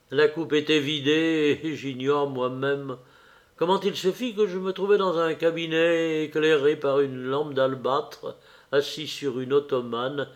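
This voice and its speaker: Slow, measured male audiobook narrator. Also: fairly high pitch. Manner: measured, expressive reading. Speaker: audiobook reader.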